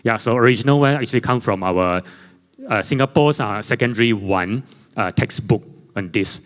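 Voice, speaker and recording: Speaking in a fairly low voice, a man whose first language is Chinese presents slides in English at a conference panel, stumbling along with fillers and frequent self-corrections. The conference hall gives the recording a long reverb.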